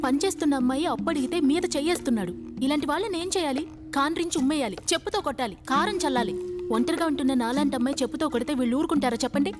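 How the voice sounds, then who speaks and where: An actress as a defiant young woman, fairly high voice, quick and cold, music behind. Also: lightly acted. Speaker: show guest.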